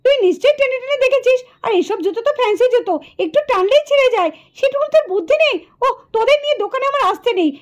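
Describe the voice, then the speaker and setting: A woman's voice: extremely high pitch, expressive, very fast, few pauses. A woman voicing an exasperated mother who scolds her two little daughters in a puppet show. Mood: scolding.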